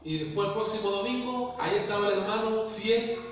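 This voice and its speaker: High-voiced pastor in an echoey hall. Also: male voice, fairly even intonation, a little fast, a bit bright, far from the mic, dull audio, slight background noise. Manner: asks the congregation questions. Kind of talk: sermon. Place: church hall.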